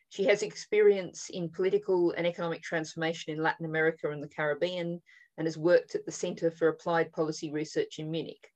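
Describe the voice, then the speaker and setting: Low-voiced woman moderating a webinar. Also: poor audio. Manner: thoughtful, halting, with frequent "um" fillers. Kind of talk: moderating an online panel. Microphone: video call.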